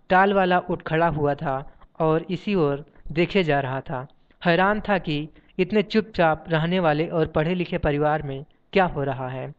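A man narrates a novel in a measured audiobook style. His voice is smooth and somewhat high. The recording sounds dull and lo-fi. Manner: measured, reads page numbers aloud.

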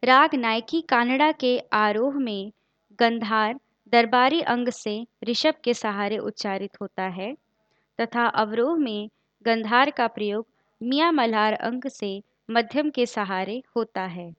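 A woman giving a formal lesson on a classical raga, explaining in measured terms and reciting note names in a steady, deliberate way. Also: a little high, dry recording. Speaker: music teacher. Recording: dull, dry lo-fi recording.

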